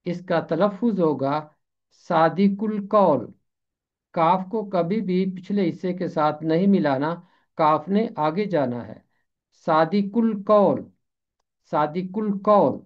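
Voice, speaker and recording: A man teaching Urdu pronunciation, repeating each word slowly and carefully and explaining what it means. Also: a little high. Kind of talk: slow deliberate Urdu pronunciation lesson. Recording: dull lo-fi recording.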